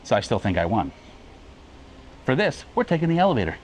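With huge swings in pitch around a medium center, this travel vlog co-host moves fairly quickly through a casual walking tour of a cruise ship's indoor areas and open decks. He's easygoing and chatty, laughing between remarks, and a little hiss or hum runs under the audio.

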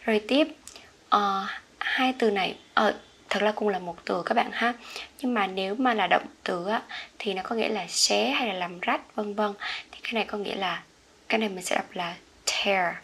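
A woman with a Vietnamese accent teaching English pronunciation, repeating each word slowly for learners. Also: mid-range voice, fairly bright tone, breathy edge. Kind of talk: slow pronunciation lesson.

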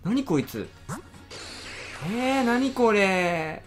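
A man hosting a game channel, giving live commentary with excitable exclaiming reactions and rapid grumbling. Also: high voice, faint music behind.

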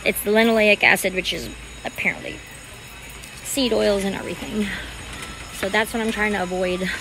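A woman's voice: medium pitch, moderate pace, noisy background. A woman vlogging as she shops in a large store, chatting to her viewers in a rambling, casual way. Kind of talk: casual chat while shopping.

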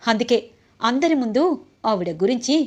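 A woman's voice: fairly high pitch, moderate pace, muffled recording, close to an everyday voice. A woman reading the lines of an angry, defiant young man who has been drinking.

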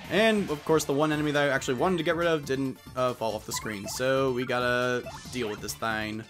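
A young man reads a video game's text aloud with silly voices while adding casual, wry remarks as a let's play host. He speaks fairly quickly at a medium pitch in a steady, fairly bright tone, and game music plays faintly.

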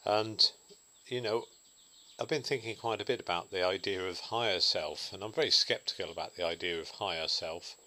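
A man's voice: low-pitched, normal speed, bright, forceful tone. A man vlogging a reflective solo monologue, musing thoughtfully to the camera.

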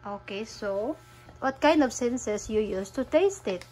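A mother from the Philippines guiding her young child through a taste game at home, with slow, coaxing instructions. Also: fairly high pitch, expressive, a little mellow, low-quality recording. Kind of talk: homeschool lesson with her child.

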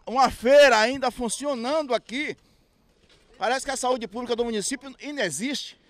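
A man's voice: very high voice, moderate pace, fairly bright tone, dry recording. A man, speaking indignantly into a reporter's handheld mic outdoors, with hesitant restarts. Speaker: interviewed local resident. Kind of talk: street interview complaint. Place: outdoors at a street market.

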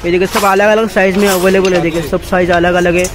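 A man's voice: high-pitched, level tone, noisy background. A man in his thirties hosting a casual market vlog, chatty as he shows wares in a cluttered shop. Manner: chatty, quick acknowledgements. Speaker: vlogger host. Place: cluttered indoor shop and warehouse.

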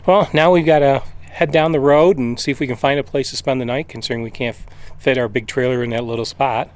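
A man's voice: medium pitch, fairly even intonation, quick pace. Easygoing man filming himself outdoors. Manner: easygoing, talks straight to a handheld camera. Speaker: vlog host. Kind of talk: casual travel vlog chat. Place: outdoors in a parking lot. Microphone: camera at arm's length.

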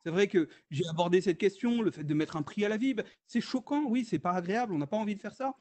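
High-pitched, fast and darkish in tone, this French man presents as an economist guest speaker on a video-call webinar, stumbling through frequent fillers and restarts.

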